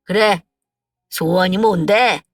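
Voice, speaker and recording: A woman voicing a gruff, hot-tempered older husband. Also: on the low side, slow, no room sound, distant mic, soft background music. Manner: brusque, scolding, then gentle.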